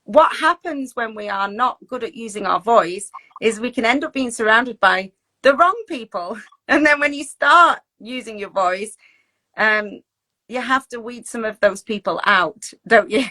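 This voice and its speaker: At a measured pace, a teacher wellbeing coach leads an informal talk, her fairly high voice sounding bright. She stays encouraging and chatty, often tacking on small tag questions to invite agreement. The microphone is placed at a distance from her.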